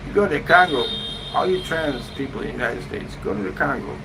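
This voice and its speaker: Giving a live update from his hotel room, this male travel vlogger talks quickly in a fairly high, creaky voice, rambling loosely and casually on stream. He curses, uses slang, speaks bluntly and tags "man" onto many phrases, all against a steady hum in the noisy indoor space.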